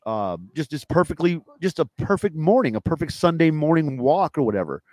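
A man who is a comedian and home cook, a guest in a casual interview, rambling fast with lots of fillers. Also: fairly high pitch, sing-song, darkish tone, no room sound.

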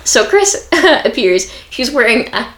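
A woman's voice: a little high, sing-song, takes it slowly, fairly bright tone. Woman podcast co-host, casual recap chat, laughs a lot, roomy echoey sound. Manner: laughs often, acts out quotes.

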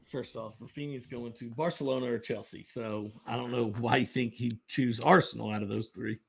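Male co-host, gravelly husky voice, teasing casual podcast chat. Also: mid-range voice, steady tone, moderate pace. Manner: teasing, dry banter.

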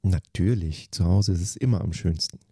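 Very deep, dark-voiced male dance teacher. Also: normal speed, slightly rough, no room sound, studio quality. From Germany. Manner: short, matter-of-fact answers. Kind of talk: quick-fire interview answers.

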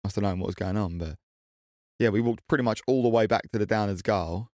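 A young man talking fast in loose, rambling chat, peppered with swearing and "wasn't it?" tags. His voice sits fairly low and sounds dry and close. He tells a trip story casually. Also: a little mellow, dry recording.

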